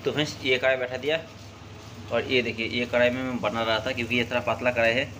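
A man talks his viewers through a home recipe in a relaxed, chatty way, explaining each step as he goes. His voice sits at an ordinary pitch. The kitchen recording carries clear background noise, with traffic audible from outside. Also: fast talker. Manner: chatty, step-by-step, keeps saying "friends". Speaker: cooking vlogger. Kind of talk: casual cooking narration.

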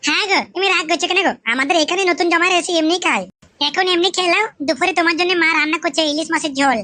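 A woman's voice: very high voice, racing, pushed and bright, dry recording. A woman voicing a young wife in an adult cartoon, pleading and soothing her husband.

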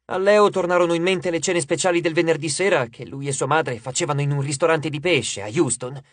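A man's voice: a little high, brisk, dry recording. Man reading an audiobook with drama. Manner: lively, dramatic storytelling. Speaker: audiobook narrator.

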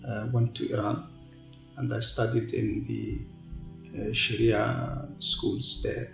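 A middle-aged man from Tunisia, a guest in a sit-down interview, speaking in a measured way with pauses and restarts. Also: medium pitch, flat delivery, creaky, a bit bright. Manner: measured, pausing speech with repeated restarts. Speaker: guest, TV channel executive. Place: large open-plan office. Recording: roomy echo, faint music behind.

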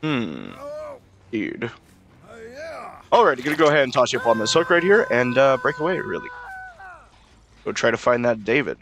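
A man's voice: mid-range voice, big pitch swings, moderate pace, long pauses, fairly bright tone. A young man casually commenting on his own gameplay, swearing and talking to himself as he plays. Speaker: gaming YouTuber.

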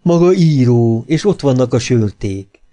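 A man's voice: mid-range voice, animated, mellow, close to an everyday voice. Man voicing a coy young actress. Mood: wistful.

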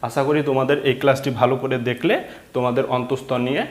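A male teacher giving a slow reading lesson, sounding out letters one by one and repeating them patiently. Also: medium pitch, level tone. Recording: echoey room.

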